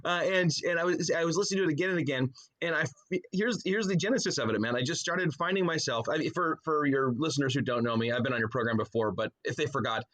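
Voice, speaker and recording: Quick-paced and a little high, with a slightly bright voice, this middle-aged man is a pastor and author guesting on a podcast. The interview is casual, and he's colloquial and jokey, like he's talking to a friend.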